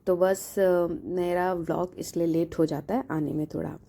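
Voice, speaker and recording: Young female vlogger, warm mellow voice, casual chatty narration, laughs easily. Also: on the low side, steady tone, moderate pace, vocal fry. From India. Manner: chatty, laughs often, teasing.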